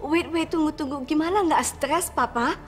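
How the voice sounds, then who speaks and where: A woman's voice: sits high, moderate pace, close to an everyday voice. An actress playing a wealthy mother in a panic over her missing daughter, dramatic, dropping English exclamations into her lines. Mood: panicked. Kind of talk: TV drama acting. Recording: faint music underneath.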